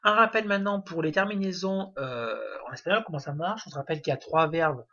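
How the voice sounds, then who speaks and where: Guy teaching grammar, kinda high husky voice, lots of uhs, dull lo-fi audio. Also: fast talker, pushed and bright. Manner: hesitant, many fillers, explains step by step. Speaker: language teacher. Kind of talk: spoken grammar lesson. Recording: dull lo-fi recording.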